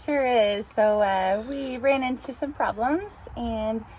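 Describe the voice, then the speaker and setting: A woman's voice: fairly high pitch, slow, a little mellow, a little hiss or hum, poor audio. Earnest woman sharing a scary moment. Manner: earnest, heartfelt. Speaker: vlog co-host, kayaker. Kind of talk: casual chat.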